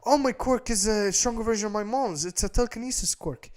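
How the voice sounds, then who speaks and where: A man's voice: high-pitched, quick pace, darkish tone, voice pushed up, close to an everyday voice. A man voicing a confident young girl in a casually told fan story. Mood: boastful.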